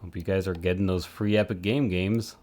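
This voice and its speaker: A man's voice: low-pitched, steady tone, fairly quick, a little mellow. A man chatting casually on a live stream while he works, rambling with self-mocking asides. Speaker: streamer supporting 3D print models.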